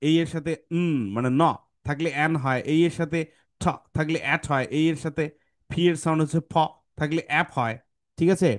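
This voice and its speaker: A male teacher explains letter sounds to students, his voice set high. He poses questions and answers them himself, repeating sounds slowly. The recording is dry and close. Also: fairly even intonation, no room sound. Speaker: phonics teacher.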